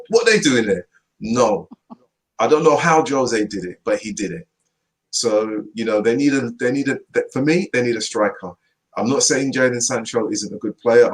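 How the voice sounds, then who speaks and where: A man giving forceful, opinionated football punditry in a casual chat, repeating his points slowly for emphasis. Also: fairly low pitch, poor audio. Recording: online video chat, voice only.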